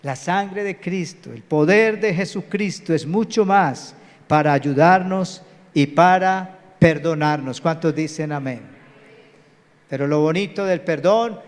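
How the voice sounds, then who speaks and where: High-voiced preacher in a hall. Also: male voice, measured pace. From Colombia. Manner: preachy, calls out to the congregation for amens. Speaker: pastor. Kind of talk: live church sermon. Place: large church hall. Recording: reverberant church hall.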